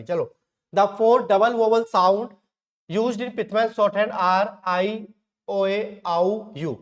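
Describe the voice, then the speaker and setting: High-voiced man teaching a shorthand class. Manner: asks questions and answers them himself; reads textbook lines slowly, word by word. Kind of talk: online class lecture.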